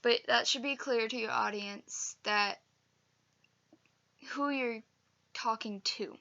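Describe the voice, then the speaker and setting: Bright, gravelly young woman teaching acting. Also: on the high side, takes it slowly, lo-fi sound. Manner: chatty, emphatic, with fillers and self-corrections. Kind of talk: casual instructional video.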